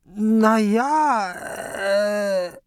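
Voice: mid-range voice, drawn-out words, clean tone, no room sound, clean studio sound, voice pushed up. Narrator voicing a sheepish stammering octopus. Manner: hesitant, full of "äh". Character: large sheepish sea octopus.

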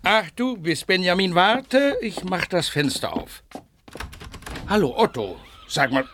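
An actor playing a fussy, soft-hearted older zookeeper who chatters excitably and sighs a lot, in a children's audio drama. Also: male voice, high voice, measured pace, slight background noise, exaggerated voice. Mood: fussing.

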